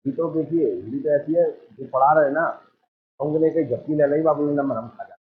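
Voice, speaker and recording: A man's voice: fairly high pitch, fairly quick. Man teaching on a tinny line. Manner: drills the class with repeated questions. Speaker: Hindi teacher. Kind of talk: exam coaching lecture. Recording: tinny phone-like sound.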